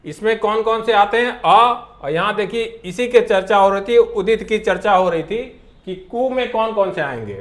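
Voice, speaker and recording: A man teaching a class, spelling out sounds one at a time in a slow, deliberate lecture. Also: high voice.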